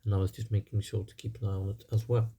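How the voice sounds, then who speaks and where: A man's voice: on the low side, flat delivery, fast, warm tone, breathy edge. A young man, slightly tired, giving casual, rambling commentary over a strategy game with lots of fillers. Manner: rambling, many fillers and hedges. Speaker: gaming channel host.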